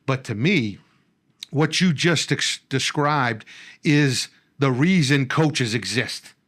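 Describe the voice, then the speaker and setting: A middle-aged man who hosts the show and once coached, reflecting in a halting way and often repeating his words. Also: mid-range voice, animated, a bit bright. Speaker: podcast host, former coach. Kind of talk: reflective interview talk.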